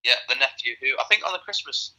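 A man's voice: medium pitch, animated, fast, pushed and bright. A man with a cold, heard through a phone speaker, rambling and joking crudely in casual chat. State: has a cold. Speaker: podcast co-host. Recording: phone call played on speakerphone.

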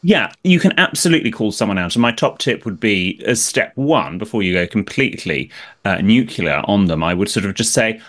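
A man speaks with prim, precise enunciation and a very animated rise and fall. His voice sits a little low as he offers etiquette advice as an expert guest in conversation. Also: fairly quick.

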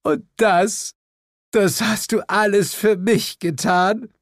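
A man's voice: high-pitched, steady tone, takes it slowly, dry recording, clean studio sound, voice pushed up. A man voicing a haughty female demon queen, imperious and theatrical, in an audiobook. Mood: gushing.

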